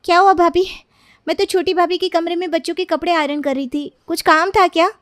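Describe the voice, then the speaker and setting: A woman's voice: very high-pitched, steady tone, fairly quick, no echo, clean studio sound. A woman voicing a kind, obliging young woman in a cartoon story, talking sweetly and always ready to help.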